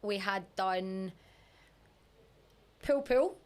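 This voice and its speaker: A Scottish woman co-hosting a podcast, telling a story in a casual, animated way and swearing freely. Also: mid-range voice, extremely slow. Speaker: podcast co-host. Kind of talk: casual chat.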